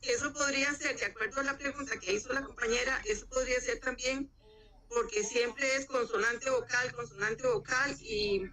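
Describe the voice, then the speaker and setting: A student with a bright, crisp voice speaks up on a video call during an online class. They tentatively test their understanding aloud and ask the teacher to confirm it. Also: medium pitch, fairly even intonation, normal speed, poor audio. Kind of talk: asking questions in an online class.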